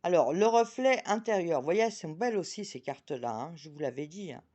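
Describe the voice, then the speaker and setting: A chatty woman presenting oracle cards on her channel, talking about herself in the third person and reading each card's message slowly. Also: fairly low pitch, animated, warm tone. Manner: reads card messages slowly.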